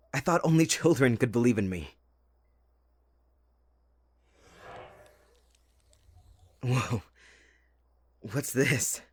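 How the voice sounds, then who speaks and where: A man playing Jack Frost, a playful, possessive young winter spirit, with a husky voice in a dramatic, intimate ASMR roleplay. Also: medium pitch, dry recording, full character voice. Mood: amazed, excited. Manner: teasing, dramatic, addressing the listener closely.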